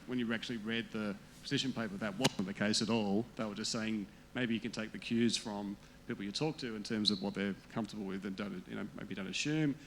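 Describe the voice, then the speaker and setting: A man's voice: fairly low pitch, fairly bright tone, a little hiss or hum, rough recording. A man moderating a panel chat, talking conversationally with many ums and uhs. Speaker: panel host.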